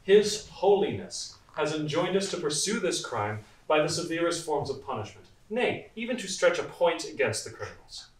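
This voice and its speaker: A man's voice: fairly high pitch, very animated, moderate pace, few pauses. A man acting as a stern, scornful judge who barks orders and swings his voice up and down. He sits far from the mic in an echoing hall. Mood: cold. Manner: commanding and scornful. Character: stern male judge, harsh and commanding. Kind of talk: stage acting in a live play.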